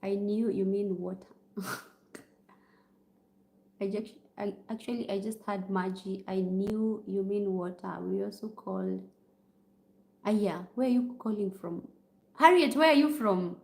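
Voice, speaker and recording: A woman's voice: medium pitch, measured pace, creaky, long pauses, a little mellow. A Kenyan woman, a nurse, chatting on a livestream and answering viewer comments, slipping in Swahili phrases. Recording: roomy echo.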